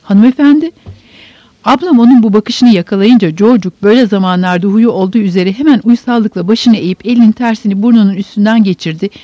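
A woman narrating a novel in first person, steady and measured, in a dull, dry audiobook recording. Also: mid-range voice, no echo. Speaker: audiobook reader.

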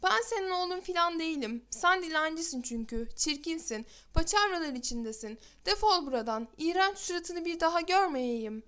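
Woman doing a cruel, high-voiced storybook boy, sneering and scornful. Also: expressive, normal speed, few pauses, fairly bright tone. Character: proud cruel young boy, star child.

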